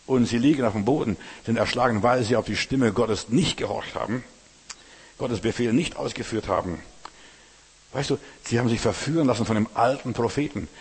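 A man's voice: mid-range voice, brisk, husky. A man preaching a sermon as pastor, talking plainly and colloquially and turning straight to the listener again and again. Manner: colloquial, addresses listener directly with "weißt du". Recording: long hall reverb.

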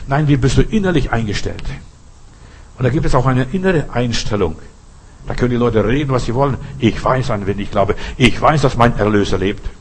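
A man's voice: darkish tone, slightly rough, poor audio. A man preaching a sermon, asking rhetorical questions and repeating phrases for emphasis. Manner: acts out quoted voices with sudden pitch jumps.

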